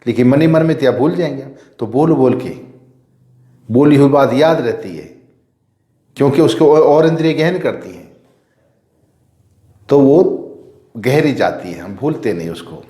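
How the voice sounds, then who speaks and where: Priest who quizzes then answers himself. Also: male voice, mid-range voice, animated, measured pace, pauses often, dark tone, reverberant. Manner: asks rhetorical questions and answers them himself; repeats key phrases for emphasis. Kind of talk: devotional teaching talk.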